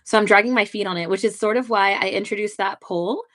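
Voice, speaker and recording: A woman's voice: medium pitch, quick pace, fairly bright tone. A young woman, a webcomic artist, chatting casually and giddily on a livestream while she draws. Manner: bubbly, giddy, chatty.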